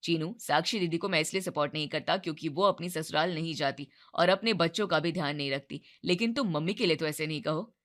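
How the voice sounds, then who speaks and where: Deep-voiced stern young husband done by a woman narrator, firm and level, storybook reading. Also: quick pace, a bit bright.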